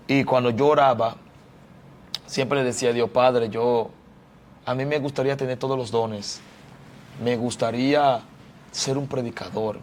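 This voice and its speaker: A man from the Dominican Republic speaks at medium pitch in a church interview about his life as a prophet and pastor, fervently repeating phrases like a preacher. There's a little hiss or hum in the recording.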